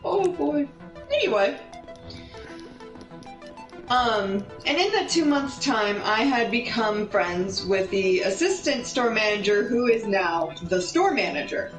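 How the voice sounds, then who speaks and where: A young woman rambles through a sweary story while playing a video game, getting sidetracked easily. Her voice is fairly high, animated, and slow, heard far from the mic in a roomy echo with music behind.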